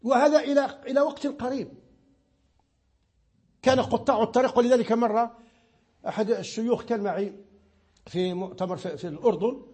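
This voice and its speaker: A man's voice: very high voice, fairly quick, long pauses, warm tone, slightly rough. A Moroccan man giving a religious lesson on Islamic law, explaining patiently and repeating words as he searches for them. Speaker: sheikh teaching Islamic law.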